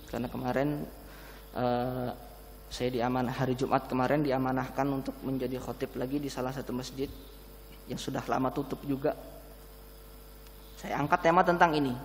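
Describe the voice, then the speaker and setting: A man's voice: mid-range voice, a little hiss or hum. Masked male preacher, echoing hall. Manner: speaking through a face mask; conversational, explanatory, with rhetorical questions. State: slightly breathless. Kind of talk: Islamic sermon to a congregation. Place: large mosque hall, indoors. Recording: long hall reverb in mosque.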